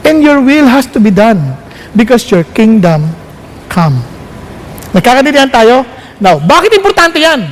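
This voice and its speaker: A man with a Filipino accent preaching a sermon, mixing Tagalog and English, asking the audience questions and swinging his pitch up for emphasis. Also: sing-song, unhurried, long pauses, a little hiss or hum.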